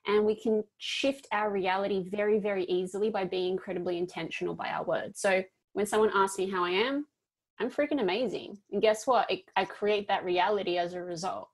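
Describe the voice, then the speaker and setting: Aussie woman in her 30s, life coach guest, upbeat and emphatic, mid-pitched voice. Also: fairly quick. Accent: Australian. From Perth, Australia. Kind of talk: casual interview talk.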